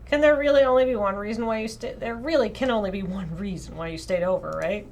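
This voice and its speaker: This livestreamer, a woman, voices a visual novel in a loose, lively manner, often wandering into teasing side comments. She speaks quickly in a mid-range voice.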